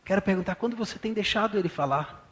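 A Brazilian pastor in his thirties delivers a sermon in church at a quick pace, his voice sitting high. He swings between hushed talk and loud bursts.

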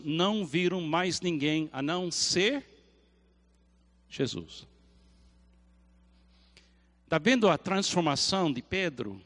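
Casting: male pastor, high bright voice, lively storytelling sermon, long hall reverb. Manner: animated storytelling, acting out scenes.

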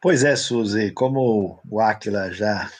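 Low husky Brazilian pastor. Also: male voice, unhurried, no echo. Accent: Brazilian Portuguese. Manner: thoughtful, lecturing, frequent "né". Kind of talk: casual panel discussion.

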